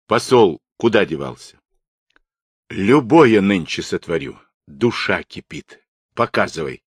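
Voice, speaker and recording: Man voicing a brash, loud Cossack leader, deep and slow, storybook. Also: very animated, husky, no echo, clean studio sound, full character voice. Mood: stern.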